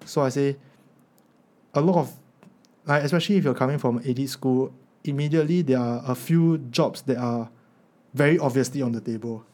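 A man's voice: mid-range voice, normal speed, long pauses, mellow. A man in his twenties with a Singaporean accent, giving casual advice in colloquial Singlish sprinkled with particles like lah and meh. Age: 20s. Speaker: podcast speaker, university student.

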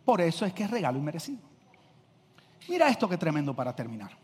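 A middle-aged man, preaching a sermon as a pastor, swinging from loud shouts to quiet asides. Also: on the high side, fast, husky. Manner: energetic, swings from shouting to quiet, acts out quotes. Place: church hall. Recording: long reverb of a large hall.

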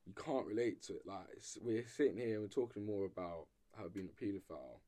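A man's voice: on the low side, fast, dark tone. A young man with a London roadman accent, chatting in a slangy, emphatic way and repeating himself in a casual group discussion.

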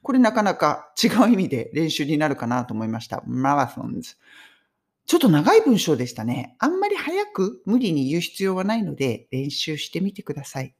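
A Japanese woman teaching English phrases in a chatty, animated way, mixing in personal stories. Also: deep voice, fairly quick, husky. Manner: chatty, animated storytelling with laughs. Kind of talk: casual English lesson.

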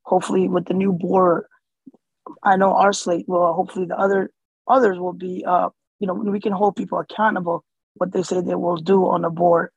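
Man, interview guest, hesitant with fillers, husky voice, flat intonation. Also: high voice, fairly quick, dry recording, dull audio. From born in Somalia, raised in the US. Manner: hesitant, many fillers and restarts. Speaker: interview guest, community organizer. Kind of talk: casual conversational interview.

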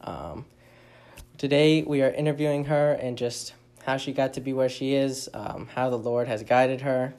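A man hosting a faith podcast, introducing his guest in a relaxed, somewhat hesitant way. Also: mid-range voice, moderate pace. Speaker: podcast host. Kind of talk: casual interview hosting.

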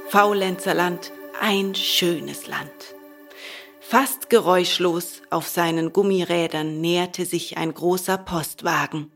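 A woman reading a children's storybook aloud, slow and expressive. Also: fairly low pitch, vocal fry, faint music behind. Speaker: narrator.

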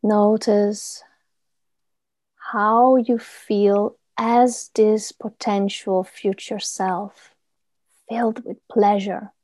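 Slow, soothing, murmuring woman guiding meditation. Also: mid-range voice, steady tone, dry recording. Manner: soothing, gentle massage-like murmur with pauses. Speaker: guided meditation teacher. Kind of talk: guided body meditation, soft instruction.

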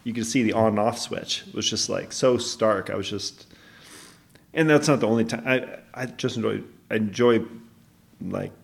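Young man, co-host, gravelly voice, rambling and hesitant. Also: fairly low pitch, normal speed. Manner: rambling, hesitant, many restarts. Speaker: podcast co-host. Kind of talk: casual chat.

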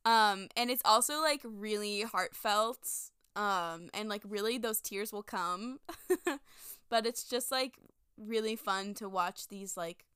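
A woman's voice: mid-range voice, slow pace, fairly bright tone, clean tone, dry recording, clean studio sound. A woman co-hosting a podcast, chatting enthusiastically and giggling often. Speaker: podcast co-host. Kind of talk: casual chat.

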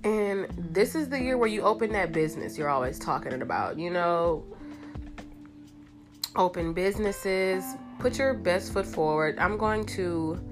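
Lady w a stuffy nose, congested n nasal, kinda low voice, chatty girl talk host, guitar music behind her. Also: a little slow. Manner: animated, informal girlfriend talk with emphatic repetition. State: congested with a cold, stuffy pinched-nose sound. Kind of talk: casual chatty monologue to listeners.

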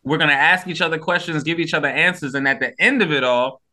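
Casual male co-host, slightly high, bright voice, loose rambling delivery, a little high. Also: fast. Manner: laid-back, rambling, swears casually. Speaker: podcast co-host. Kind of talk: casual podcast chat.

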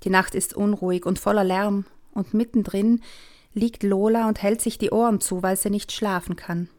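A woman, reading aloud from her own children's book, calm and expressive, sometimes dropping to a hush. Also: mid-range voice, normal speed. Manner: calm, expressive storyteller with soft hushed passages. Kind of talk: storybook reading.

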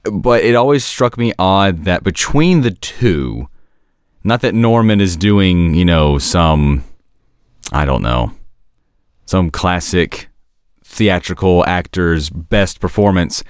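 A man hosting a podcast in casual analytical conversation, often pausing to search for words and rephrase. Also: deep voice, animated, clear, resonant tone, no room sound, clean studio sound. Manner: hesitant, searching for words, self-correcting. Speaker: podcast host discussing an animated series.

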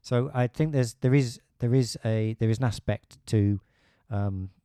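A man's voice: mid-range voice, unhurried, warm tone, clean tone, no room sound, studio quality. A middle-aged British man talking in a casual podcast conversation, hesitant with many restarts and fillers. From Britain.

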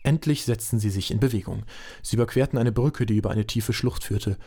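A man's voice: fairly low pitch, brisk, dark tone. A man narrating an amateur audio drama in a dry, matter-of-fact way.

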